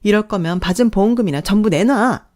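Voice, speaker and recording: A shrill, desperate woman screams accusations in a storybook tale, put on by a woman narrator. Her voice jumps well above the narrator's own and comes out loud and demanding. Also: a little fast, lightly acted. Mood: furious, shrill.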